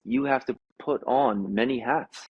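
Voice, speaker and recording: A man's voice: medium pitch, measured pace, husky, dry recording. A man in his forties with an American accent, a gym owner who is a guest on a podcast, telling stories casually with lots of fillers and acted-out quotes. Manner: animated storyteller who acts out quotes, many fillers. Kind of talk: casual conversational storytelling. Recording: dull lo-fi sound.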